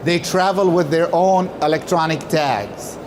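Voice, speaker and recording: At a measured pace, a company speaker with a voice on the high side gives a prepared conference presentation. He makes his points emphatically, raising questions and then answering them. There's background noise.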